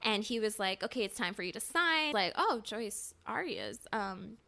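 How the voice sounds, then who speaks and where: Bright-voiced woman telling a chatty story. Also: medium pitch, sing-song, normal speed, vocal fry. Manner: chatty, many "like" fillers, laughs between phrases. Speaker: podcast co-host. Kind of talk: casual conversational storytelling.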